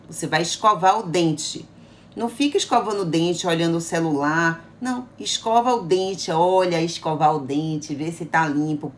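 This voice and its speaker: A woman's voice: low-pitched, a little hiss or hum. A middle-aged woman doctor giving friendly, coaxing health advice to viewers, often checking in with "okay?". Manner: chatty, coaxing, often adds "tá bom?" and "né?". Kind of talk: informal health talk to viewers.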